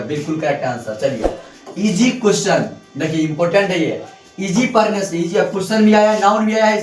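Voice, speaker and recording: A man teaching a grammar lesson to students, repeating points and asking them questions as he goes. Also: a little high. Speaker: English teacher. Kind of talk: classroom lesson explaining grammar. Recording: echoey room, mic at a distance, faint music.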